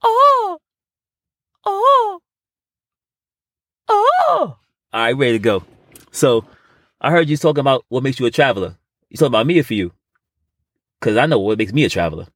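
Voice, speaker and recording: A husky-voiced man with a low-set pitch that jumps around in a lively way. He rambles in casual, boastful podcast banter, circling back and repeating phrases for comic effect. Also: fast, pauses often, no echo, clean studio sound. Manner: rambling, repetitive, boastful street-casual talk. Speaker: podcast co-host. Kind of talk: casual comedic chat.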